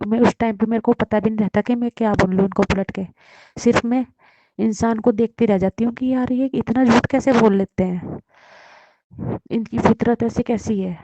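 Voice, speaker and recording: A woman sharing a personal testimony, telling her story in a plain, emotional way that often drops soft and low. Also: lo-fi sound.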